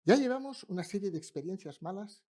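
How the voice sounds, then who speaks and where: A man's voice: sits high, animated, fairly quick, dark tone. A man preaching a sermon in a church, conversational and humorous, speaking directly to the congregation. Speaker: pastor preaching. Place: church in Barcelona.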